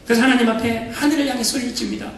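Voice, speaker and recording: A man's voice: very high-pitched, fairly even intonation, very fast, slight background noise. A man preaching a sermon as a pastor, swinging his voice up and down and acting out voices in his stories. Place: church sanctuary. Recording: echoey church hall from far off.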